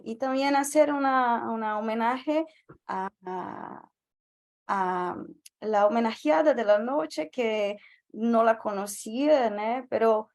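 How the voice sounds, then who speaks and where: A woman's voice: fairly high pitch, darkish tone. A woman from Brazil, a native Portuguese speaker with a Brazilian accent, giving a panel talk carefully and searching for words. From northeastern Brazil. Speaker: invited activist speaker. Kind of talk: panel talk in a second language.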